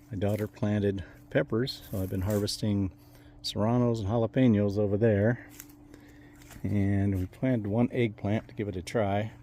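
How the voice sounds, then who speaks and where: A man's voice: fairly low pitch, darkish tone, slight background noise. An older man giving a casual, meandering walkthrough of his backyard garden outdoors, speaking in an easygoing, plain-spoken way. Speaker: home gardener.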